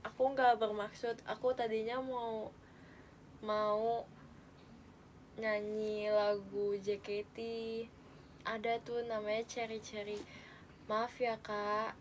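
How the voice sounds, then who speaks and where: A young woman chatting casually on a livestream, halting and giggly, with a lisp on her r sounds. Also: mid-range voice, flat delivery. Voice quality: lisping, imprecise r sound. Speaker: idol livestream host. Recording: faint background noise.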